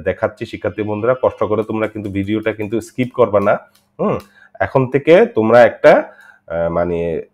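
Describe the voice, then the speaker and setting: A male teacher talks his students through a lesson in a loose, conversational way. He often circles back and checks in with a quick "right?". His voice sits at a middle pitch, and the recording sounds dull and lo-fi. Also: darkish tone. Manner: chatty, repetitive, frequent "right?" check-ins. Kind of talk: classroom video lesson.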